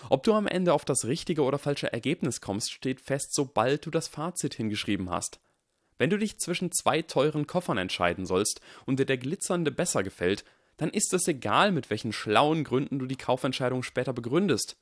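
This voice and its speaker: A man reading the part of a calm, earnest young wizard who explains his reasoning in a measured, persuasive way. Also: medium pitch, dry recording, clean studio sound, voice pushed up, close to an everyday voice. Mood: earnest lecturing. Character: calm, earnest boy wizard lecturing on science.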